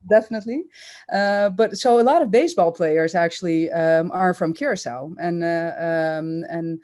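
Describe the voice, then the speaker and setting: A woman who grew up in Curaçao, speaking as an oncologist guest in a podcast interview, measured and thoughtful with many fillers. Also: on the low side, a little mellow.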